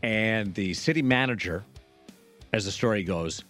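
A man hosting a sports radio show, moving between casual talk and contest promo reads in a halting, self-correcting way. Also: fairly low pitch, a bit bright, soft background music.

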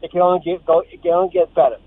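A man's voice: high-pitched, fairly even intonation, rapid-fire, no echo. A man calling in to a sports radio show, friendly and rambling, joking at his own expense. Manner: friendly, rambling, self-deprecating. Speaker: caller. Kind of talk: phone call to a radio show. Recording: tinny phone line.

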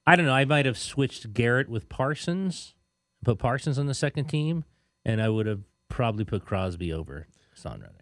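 A man's voice: mid-range voice, very animated, normal speed, no echo, studio quality. A man with an American accent co-hosting sports radio in casual chat.

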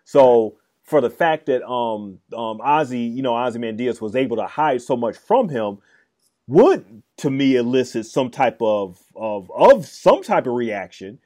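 A man's voice: mid-range voice, big pitch swings, unhurried, dark tone. A man in casual chat, talking in a rambling, hesitant way with many fillers and restarts. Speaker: podcast co-host discussing a film and comic.

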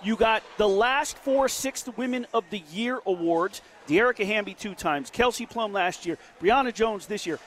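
A man hosting a sports betting radio show, giving emphatic, rapid-fire opinions from a casino sportsbook studio. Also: sits high, lively intonation, a little hiss or hum.

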